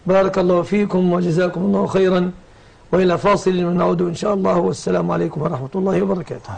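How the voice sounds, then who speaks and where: Quick, high, gravelly man teaching. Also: fairly even intonation, darkish tone. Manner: brisk, leads questioning of guest and callers. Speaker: host and religious teacher. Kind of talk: religious lesson broadcast.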